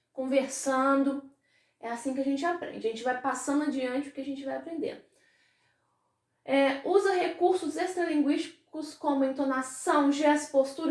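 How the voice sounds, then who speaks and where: A Brazilian woman teaching a class, her voice sitting high. She explains patiently and keeps checking that the pupils follow. The room is roomy and echoing around her. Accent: Brazilian Portuguese. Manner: explains with questions and tag words to pupils. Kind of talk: classroom lesson.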